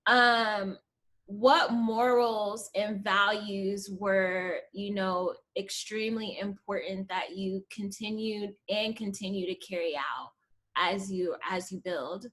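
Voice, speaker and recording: A woman's voice: medium pitch, fairly even intonation, slow pace, fairly bright tone. A woman co-host asking questions and adding encouraging interjections.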